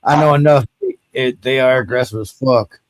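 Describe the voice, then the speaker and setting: A man's voice: mid-range voice, normal speed, no echo, low-quality recording. Wisecracking man, dry close sound. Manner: crude wisecracking interjections. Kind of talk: casual chat.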